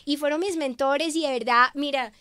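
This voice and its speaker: Expressive Venezuelan-born woman, dry sound. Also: high-pitched, normal speed, dry recording. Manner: expressive, emotional, acts out her own past words. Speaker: guest, media professional. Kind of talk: conversational interview storytelling.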